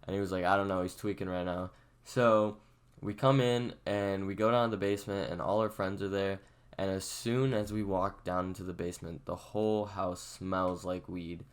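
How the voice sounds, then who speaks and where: A man's voice: sits low, steady tone, normal speed, clear, resonant tone. A young man telling a story in a casual, rambling way, leaning on "like" and acting out what people said. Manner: rambling, leans on "like" and acts out the quotes.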